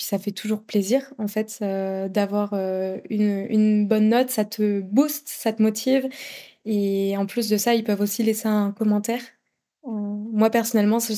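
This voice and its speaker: A woman's voice: medium pitch, warm tone. A woman with a French accent, a podcast guest talking casually, with many fillers and restarts. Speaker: podcast guest, content creator. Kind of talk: casual interview chat.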